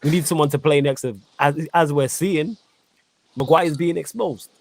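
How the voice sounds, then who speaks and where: A man's voice: fairly high pitch, vocal fry, dry recording. A man with a Manchester accent hosting a casual football podcast, reading out viewer comments and arguing his points. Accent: Mancunian. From Manchester, England. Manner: fast, animated, reads viewer comments aloud. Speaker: podcast host.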